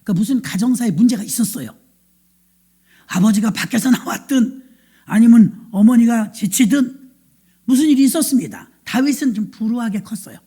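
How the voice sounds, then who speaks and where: A woman's voice: fairly high pitch, moderate pace, warm tone, slightly rough. A middle-aged woman pastor preaching a sermon, telling the story with animation and asking the congregation questions.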